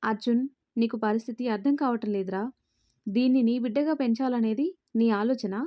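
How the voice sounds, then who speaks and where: A woman's voice: fairly high pitch, moderate pace, dark tone, natural voice. A woman voicing a stern elderly grandmother who speaks harshly and with scorn in a spoken storybook. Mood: scornful. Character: stern elderly grandmother, head of a wealthy family.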